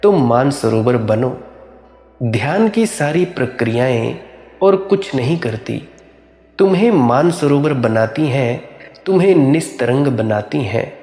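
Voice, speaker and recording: A man giving a slow, measured spiritual discourse, repeating refrains as he reflects. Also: mid-range voice, animated, a little mellow. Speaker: spiritual teacher. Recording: echoey hall with faint music.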